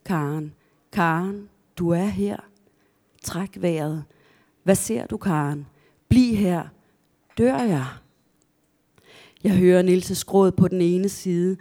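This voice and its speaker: A woman reads her own prose aloud with a fairly low voice. Her tone is mellow and dark rather than bright. The reading is measured and deliberate.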